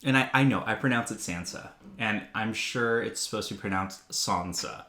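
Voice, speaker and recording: A man co-hosting a podcast, chatting and telling anecdotes in a relaxed way. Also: lowish voice, fairly quick. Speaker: podcast co-host. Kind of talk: casual chat. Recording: echoey room.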